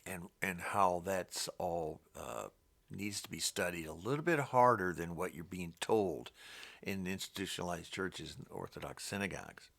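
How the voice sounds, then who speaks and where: A man reading the Bible aloud and commenting on it, talking in a halting, rambling way with many restarts. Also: low voice, lively intonation, vocal fry, a bit bright. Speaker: Bible teacher.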